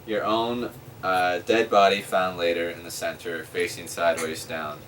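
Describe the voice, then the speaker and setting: A man's voice: low voice, little pitch movement, moderate pace, fairly bright tone. A young man in a band, chatting casually in a laid-back, joking way. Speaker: band member. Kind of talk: casual chat. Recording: distant mic with noise.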